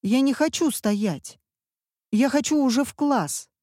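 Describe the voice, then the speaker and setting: High whiny kid voice from a woman reader, demanding, storybook. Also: animated, unhurried, warm tone, no room sound, clean studio sound. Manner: whining, demanding. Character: whiny impatient little schoolboy.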